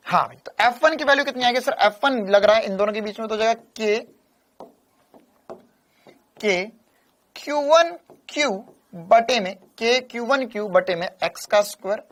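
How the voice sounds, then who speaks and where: A man teaching a physics lecture in an animated, teasing way, repeating key lines. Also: sits high. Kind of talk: classroom lecture.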